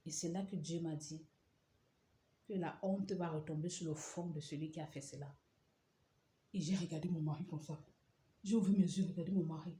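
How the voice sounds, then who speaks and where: A woman giving a dramatic religious testimony, repeating phrases and dropping to a hush at times. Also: sits low, steady tone, moderate pace, pauses often, a little hiss or hum. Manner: dramatic, repeats phrases, drops to hushed tones. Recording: roomy echo with faint ambience.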